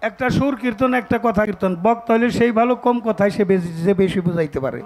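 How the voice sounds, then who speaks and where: High-voiced man preaching at a folk stage. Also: fast, faint music behind. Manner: rhythmic sermon-like delivery breaking into song. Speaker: folk debate singer. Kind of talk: Bengali pala gaan debate, preaching and singing.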